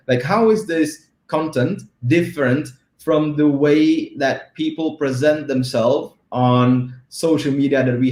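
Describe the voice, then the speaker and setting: A man talks as an interview guest, casual and rambling, tagging his points with quick "right?" checks. His voice sits at a middle pitch. It rings with a noticeable room echo. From Czech Republic. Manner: relaxed, rambling, often asks "right?". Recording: roomy echo.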